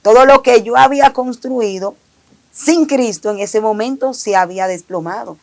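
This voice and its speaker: A woman's voice: fairly high pitch, normal speed. A woman giving an earnest, emotional personal faith testimony, often repeating her phrases. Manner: earnest, repetitive, emotional retelling. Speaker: testimony giver.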